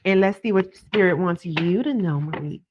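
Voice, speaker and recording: A woman's voice: on the low side, moderate pace, highs cut off, a little hiss or hum. A woman hosting a live call-in as a psychic card reader, chatting casually and drawing out words for emphasis. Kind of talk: casual live-stream chat and card reading. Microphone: phone propped on a desk.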